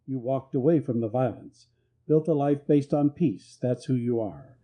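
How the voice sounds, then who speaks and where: A man's voice: mid-range voice, normal speed, mellow, natural voice. A man voicing an earnest young frontier woman who speaks steadily and reassuringly. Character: determined, gentle young frontier woman herbalist.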